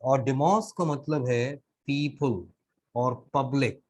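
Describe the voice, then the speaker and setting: Male vocab teacher on a video call, very slow and deliberate, mid-pitched. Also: darkish tone, low-quality recording. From Pakistan. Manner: slow, deliberate, mixes English into Hindustani. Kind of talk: live online class, explaining slowly.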